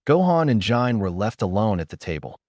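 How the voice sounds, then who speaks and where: A man narrating a fan story in an expressive storybook style. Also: on the low side, a little fast, no echo, studio quality.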